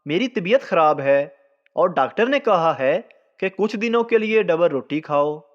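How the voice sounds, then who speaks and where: A man doing a deadpan scheming Sardar. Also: fairly high pitch, unhurried, lo-fi sound. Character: scheming male Sardar joke character.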